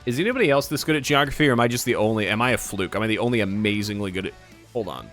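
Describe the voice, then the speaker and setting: Streamer, late twenties, lively up-and-down voice, rambling self-mocking banter, faint music under it. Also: male voice, on the low side, racing. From United States. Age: late 20s. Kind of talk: casual chat while gaming.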